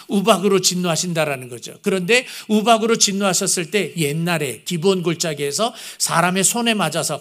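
A man's voice: high-pitched, a bit bright. A man preaching a sermon as pastor, pleading with rising emphasis, asking the congregation questions and acting out a scolding parent. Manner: asks the congregation rhetorical questions; puts on a scolding parent's voice for quotes.

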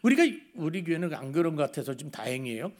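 A man's voice: a little high, lively intonation, quick pace, darkish tone. A middle-aged male pastor giving a sermon in a conversational way, telling anecdotes and asking the congregation rhetorical questions.

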